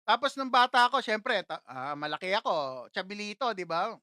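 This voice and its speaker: A man's voice: high voice, big pitch swings, normal speed, pushed and bright, dry recording, studio quality. A man hosting a casual livestream, telling a childhood story in a chatty way, laughing often and talking straight to his viewers. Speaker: livestream host.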